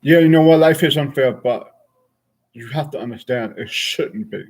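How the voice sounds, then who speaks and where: A man's voice: medium pitch, normal speed, darkish tone. A man of forty chatting casually and frankly with his stream viewers, rambling from thought to thought. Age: 40s.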